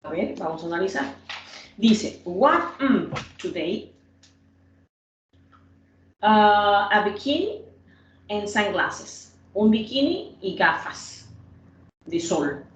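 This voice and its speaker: Very animated yet slow-paced, a woman with a medium-pitched voice patiently teaches English grammar, repeating points and quizzing students by name. Her recording is roomy, distant, dull, and lo-fi, with a little hiss or hum.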